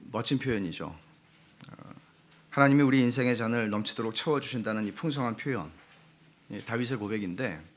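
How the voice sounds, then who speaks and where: A male pastor preaching a sermon in a conversational, reflective way, pausing often with soft fillers and now and then bantering with his congregation. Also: mid-range voice. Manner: chats with the congregation and laughs. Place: church sanctuary.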